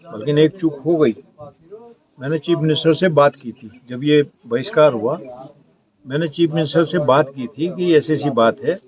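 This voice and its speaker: A middle-aged man addresses villagers in an earnest, repetitive, self-assured campaign speech, his voice sitting a little high for a man. He speaks in a village courtyard with a crowd of listeners audible around him. The recording is dull and lo-fi.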